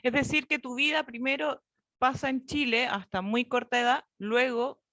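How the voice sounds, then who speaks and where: A woman's voice: high voice, steady tone, moderate pace, pushed and bright, no room sound. A woman interviewer asks short, attentive follow-up questions. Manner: brief attentive follow-ups. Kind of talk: conversational interview.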